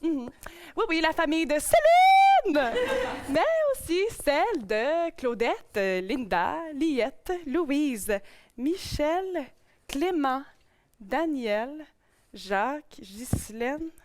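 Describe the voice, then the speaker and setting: A young woman with a Québécois French accent opens a live cabaret show with a stand-up monologue. Her voice sits high, and her delivery is playful and self-mocking as she addresses the audience from the stage. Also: animated, takes it slowly. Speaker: host.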